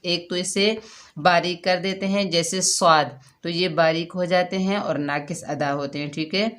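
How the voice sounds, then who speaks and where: A woman leads a Quran recitation lesson. She explains each rule patiently and repeats it. When she demonstrates, she draws the syllables out slowly and deliberately. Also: fairly low pitch. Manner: slow, drawn-out syllables when modelling recitation.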